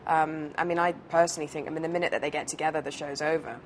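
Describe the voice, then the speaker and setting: A woman's voice: low-pitched, fairly even intonation, very fast, a little hiss or hum. A British woman, an actress, chatting casually in an interview, rambling with many fillers and restarts. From United Kingdom.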